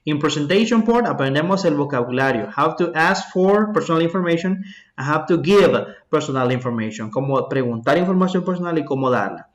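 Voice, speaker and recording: A man, his voice sitting a little higher than most men's. He walks learners through an English lesson in both languages, patiently and step by step, checking in with "ok?" after each point. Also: expressive, normal speed. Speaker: English teacher. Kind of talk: bilingual classroom lesson.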